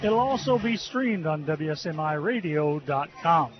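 A man calling a high school football game and reading station promos in a dense, steady announcer delivery, heard through a muffled radio broadcast from a press box. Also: a little slow, over music. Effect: muffled lo-fi radio broadcast sound.

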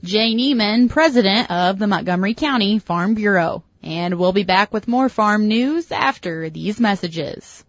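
A woman's voice: medium pitch, animated, measured pace, hardly any pauses. A woman radio host taped off the radio, reading the news steadily. The sound is dull and lo-fi. It is dry, with no room echo. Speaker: farm radio show host.

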